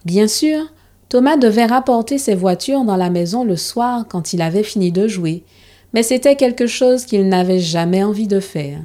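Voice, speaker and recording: Calm, mellow woman reading a children's story. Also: mid-range voice. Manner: calm, measured storybook narration.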